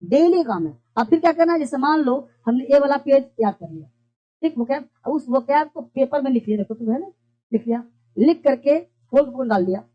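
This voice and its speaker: Expressive and fairly quick, a high-voiced English teacher gives a classroom-style lesson that keeps circling back to the same points, asking questions and then answering them. The audio is a dull lo-fi recording.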